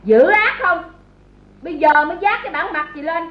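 An actress playing a harsh, domineering young woman of the house who scolds a servant in a bossy, shrill way, in an old radio drama. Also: lively intonation, moderate pace. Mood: scolding. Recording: echoey, dull old radio recording.

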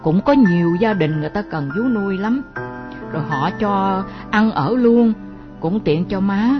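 A woman playing a frail elderly mother who pleads gently with her family. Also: medium pitch, expressive, measured pace, lightly acted. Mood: pleading. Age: older. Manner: pleading, self-effacing. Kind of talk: melodramatic radio drama acting. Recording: dull lo-fi recording with music.

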